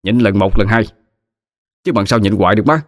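A man's voice: fairly low pitch, fairly quick, no echo, studio quality, lightly acted. A man voicing a hot-headed young peasant man who talks bluntly and defiantly.

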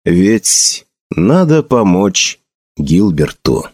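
A man narrating an audiobook in an expressive storytelling manner. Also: sits low, very slow, husky, no echo, clean studio sound. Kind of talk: scripted narration.

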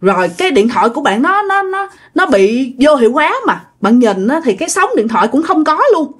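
A woman's voice: high voice, sing-song, fairly quick, slightly rough. A woman with a Southern Vietnamese accent telling a ghost story in a chatty way, talking straight to her listeners. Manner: chatty, addresses listeners directly, many fillers. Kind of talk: casual ghost-story narration.

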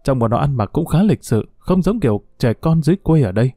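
Mellow calm male storyteller. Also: mid-range voice, fast, no echo, clean studio sound, faint music behind. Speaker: narrator. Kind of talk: first-person story narration.

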